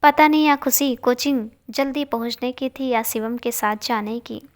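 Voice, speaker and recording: A young woman narrating a romantic story in the first person, gently and softly. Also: fairly high pitch, moderate pace.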